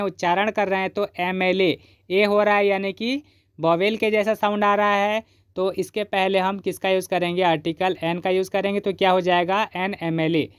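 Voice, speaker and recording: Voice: medium pitch, smooth, no echo, clean studio sound. A teacher from Chhattisgarh explaining grammar step by step, asking questions and then answering them.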